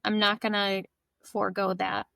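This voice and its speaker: A woman's voice: medium pitch, monotone, moderate pace, vocal fry, bright, forceful tone, dry recording, poor audio. A woman guest on a podcast, telling her story in a chatty, rambling way. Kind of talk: personal story in conversation.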